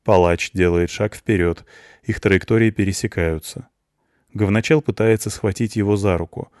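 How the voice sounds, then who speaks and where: A man reading an audiobook in an even, unhurried narration. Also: lowish voice, dry recording. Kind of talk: scripted narration. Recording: dry close studio sound.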